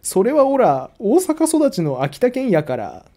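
A man's voice: very high-pitched, wildly swooping pitch, measured pace, mellow, pitched above the performer's own voice, exaggerated voice. A man doing a joking talking dog statue. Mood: teasing. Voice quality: mixes Kansai and Tohoku dialect. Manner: bantering, teasing, punchline delivery. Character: jokey talking male dog statue spirit.

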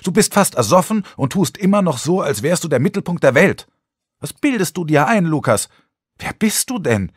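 A man reading an audiobook, voicing a blunt, sharp-tongued blind teenage girl in a raised higher voice. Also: big pitch swings, normal speed, slightly rough, no room sound, clean studio sound. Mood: angry outburst. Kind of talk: audiobook character voice.

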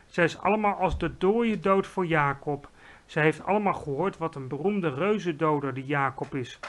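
A man doing a gentle whispering giant. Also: a little high, moderate pace, close to an everyday voice. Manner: hushed, whispering, quaint broken grammar. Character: big friendly old giant, gentle, mangles grammar. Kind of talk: storybook read-aloud.

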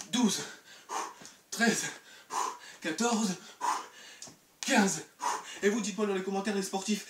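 A young fitness YouTuber leads and performs a home leg session in his bedroom, pushing viewers on and counting reps between breaths. He has a high voice, and the distant camera mic catches an echoey room with background noise.

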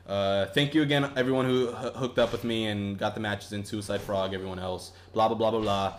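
A man's voice: fairly low pitch, fairly even intonation, fairly quick, a little hiss or hum. A young man giving casual, rambling gameplay commentary, swearing often and restarting his sentences. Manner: rambling, profane, with frequent restarts. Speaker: gaming YouTuber.

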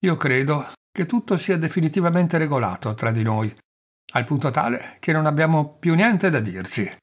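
A man reading a haughty gentleman in an audiobook, speaking with cold disdain. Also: on the high side, animated, normal speed, pitched above the performer's own voice.

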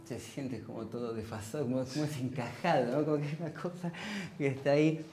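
A man with a Rioplatense Spanish accent teaches music theory, explaining meter and counting beats aloud over piano playing. His voice is medium-pitched and brisk.

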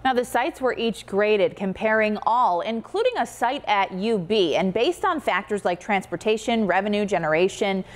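A young woman reporting the news from a television studio in a crisp, measured broadcast delivery, on a lapel mic. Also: mid-range voice.

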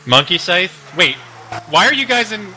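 A man's voice: high-pitched, very animated, moderate pace, heavy background noise. A man talking over group voice chat with friends, explaining game rules and controls step by step in a casual way. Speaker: player reading out game rules.

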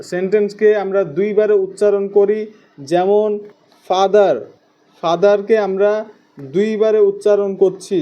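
A man's voice: high-pitched, lo-fi sound. A man teaching English grammar who spells words out letter by letter, repeats key terms, and asks the class questions he then answers himself. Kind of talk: spoken grammar lesson.

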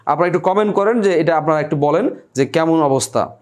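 A man's voice: a little high, a little fast. Young man teaching a live online class. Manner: explains step by step, repeats words and asks the class questions. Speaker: online Bengali tutor. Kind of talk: live online class, reading viewer comments.

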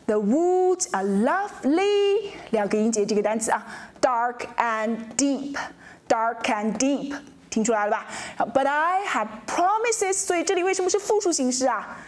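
A woman with a fairly high voice teaches poetry in a lively lecture. She keeps asking her listeners to follow along and reads English verse slowly, leaning on each stressed syllable. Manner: lively teaching voice with frequent rhetorical check-ins. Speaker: literature teacher.

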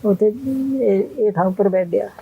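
A woman's voice: mid-range voice, fairly even intonation, normal speed, gravelly, husky, narrow, tinny audio. An older woman, telling her story plainly in an interview. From Punjab. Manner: plain storytelling, retelling others' words. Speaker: interview guest. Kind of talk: emotional interview.

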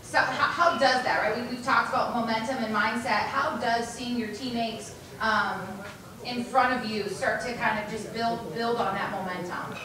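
A woman's voice: fairly high pitch, fairly even intonation, moderate pace, a crowd in the background. A woman reporter asking questions at a press conference, rambling and restarting as she goes. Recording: echoey, from far off the mic.

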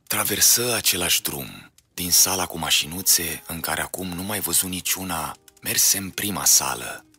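A man narrating a children's fairy tale in a measured, expressive storytelling style. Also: sits low, breathy edge, soft background music.

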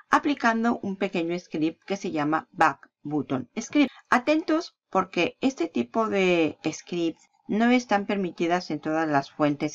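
Upbeat woman with a gravelly, lo-fi voice. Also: lowish voice. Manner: upbeat, chatty, explains step by step. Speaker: online marketing channel host. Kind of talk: screen-recorded tutorial.

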